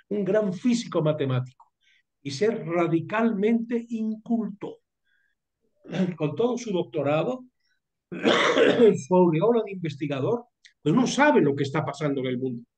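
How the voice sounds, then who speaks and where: An older man with a Mexican Spanish accent leads a university seminar, his voice sitting a little high for a man. He talks in a reflective, wandering way, restarting phrases as he builds his point. A cold keeps catching in his throat with coughs. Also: lively intonation, darkish tone. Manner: thoughtful, digressive, pausing and restarting phrases. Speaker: seminar leader.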